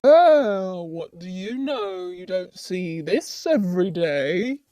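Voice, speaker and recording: A woman voices an ordinary demon lounging comfortably in hell, chatting in a laid-back, casually amused way with colloquial, wandering talk and a mild teasing edge, like a comic puppet show. Her voice is dark, relaxed and on the low side, and she takes it slowly. The recording is very dry, with no echo.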